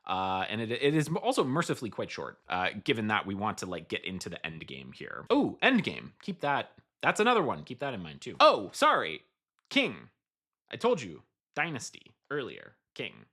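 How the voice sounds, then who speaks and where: A man walks through a novel's plot in a casual, wry recap and swears freely. His voice is bright and forceful and jumps around in pitch. He sounds animated throughout. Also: normal speed. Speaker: book reviewer.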